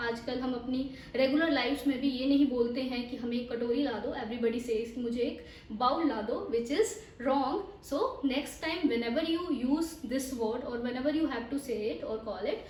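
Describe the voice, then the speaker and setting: A woman with an Indian accent teaches English pronunciation in a high, bright voice, slowing right down to spell words letter by letter. She switches easily between Hindi and English. The recording sounds roomy and echoey, as if she sits a little away from the mic. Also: a little hiss or hum.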